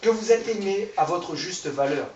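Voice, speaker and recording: A man's voice: high-pitched, animated, normal speed, darkish tone, dull audio, slight background noise. Man in his thirties, informal preacher, chatty and self-mocking, heard from a distance in a roomy hall. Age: 30s. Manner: conversational, self-deprecating, jokes with the audience. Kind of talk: informal sermon. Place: church hall. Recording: echoey room, voice from far off the mic.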